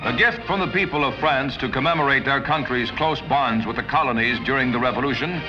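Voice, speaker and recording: 1950s newsreel narrator, man, lively emphatic pitch, dull lo-fi film sound. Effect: old newsreel soundtrack.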